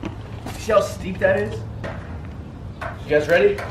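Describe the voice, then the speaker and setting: A man's voice: high-pitched, a little slow. Hyped frat-bro young man, noisy recording. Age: 20s. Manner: frat-bro slangy hype talk. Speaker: vlogger. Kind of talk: casual vlog chat with friends. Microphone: camera held at arm's length. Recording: noisy handheld outdoor camera audio.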